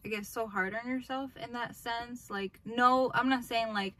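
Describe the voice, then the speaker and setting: A woman's voice: a little high, fairly even intonation, normal speed, fairly bright tone, a little hiss or hum. A young woman in a car, talking about faith in a heartfelt, casual way with many "like"s. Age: young adult. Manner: heartfelt, filler "like". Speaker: vlog co-host. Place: inside a car. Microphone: phone camera held by the man.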